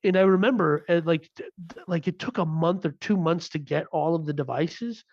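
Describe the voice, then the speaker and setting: A man's voice: fairly high pitch, normal speed, darkish tone, no echo, dull audio. A man in his thirties co-hosting a podcast, telling a story casually with lots of restarts. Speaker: podcast co-host. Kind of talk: casual chat.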